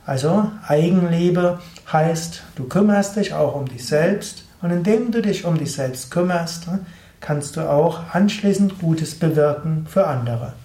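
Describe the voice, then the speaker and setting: Male spiritual teacher, slightly high voice, calm and measured, echoey room. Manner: calm, measured, addressing the listener directly. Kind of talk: spoken spiritual talk. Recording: roomy echo.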